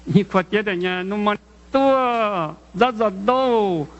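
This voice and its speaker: A man preaching a sermon, talking haltingly, repeating words and putting questions to the listeners. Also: high voice. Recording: muffled audio with long hall echo.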